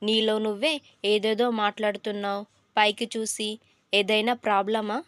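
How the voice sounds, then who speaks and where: A woman's voice: mid-range voice, little pitch movement, normal speed, a bit bright, no room sound, studio quality, natural voice. A woman voicing a patient, flustered middle-aged male exam invigilator who coaxes a crying student. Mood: coaxing. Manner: coaxing, fatherly.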